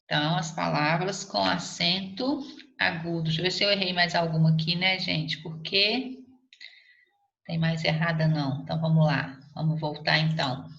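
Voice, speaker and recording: A woman's voice: fairly low pitch, steady tone, normal speed, creaky, a bit bright. A woman teacher, patiently walking students through a recorded lesson and checking in with them often. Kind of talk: recorded remote class lesson. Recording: echoey room, slightly dull lo-fi audio.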